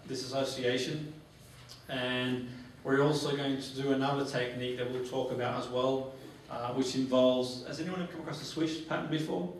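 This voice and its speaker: A man leads a live therapy training demonstration in a mid-pitched voice, repeating his phrases as he instructs. He is recorded from a distance in a very echoey room, with faint noise. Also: steady tone, moderate pace.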